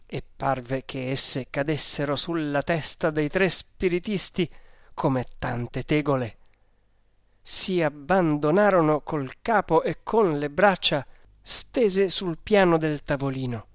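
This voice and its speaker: A reader narrating a storybook in a calm, measured way. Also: medium pitch, no echo, studio quality.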